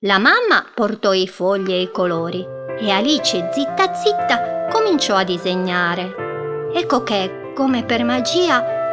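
Woman reading a children's story over music. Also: medium pitch. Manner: gentle, slow storytelling with drawn-out words. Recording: music bed behind.

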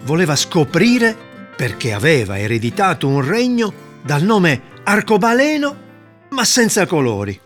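A man narrating a fairy tale in an expressive, lilting storytelling manner. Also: fairly high pitch, unhurried. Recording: narration over guitar music.

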